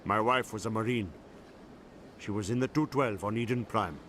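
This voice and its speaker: A man's voice: on the low side, moderate pace, a bit bright, slight background noise, natural voice. A man playing a dignified, grieving widower in a video game, speaking politely and formally. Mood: polite grief.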